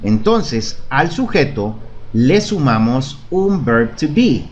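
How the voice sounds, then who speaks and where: A man's voice: mid-range voice, big pitch swings, takes it slowly, dull audio, faint music behind. A man teaching a beginner English lesson in Spanish, patiently modelling phrases for repetition and checking understanding. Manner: patient, repeats and checks with "¿De acuerdo?". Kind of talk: online language lesson.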